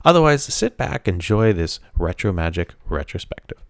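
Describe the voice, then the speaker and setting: A man with a very deep voice hosts a podcast in a casual, chatty style. The sound is dry, with no room echo. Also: very animated, moderate pace, gravelly. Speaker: podcast host. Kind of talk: casual episode introduction and live stream hosting.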